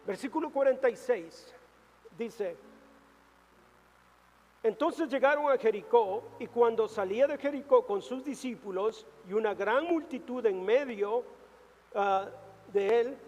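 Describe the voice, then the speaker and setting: A male pastor delivering a sermon, swinging between loud dramatic rises and hushed, quiet drops. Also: high-pitched. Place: church hall. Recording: reverberant church hall with music.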